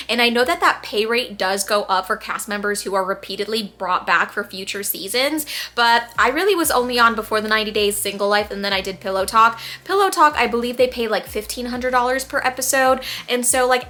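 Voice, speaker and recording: A woman's voice: fairly high pitch, sharp tone. A young woman vlogger chatting casually and energetically, a former reality TV cast member telling gossipy stories. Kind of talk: casual chat.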